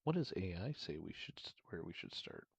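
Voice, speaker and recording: A man's voice: low voice, sing-song, fairly quick, creaky, slightly rough, no echo, highs cut off. A man hosting casual gameplay commentary, rambling and thinking aloud. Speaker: gaming channel host.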